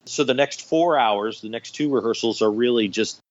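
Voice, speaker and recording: In an interview, a radio theatre director explains things conversationally, going step by step and giving examples. His medium-pitched voice moves at a normal speed, and the audio sounds dull.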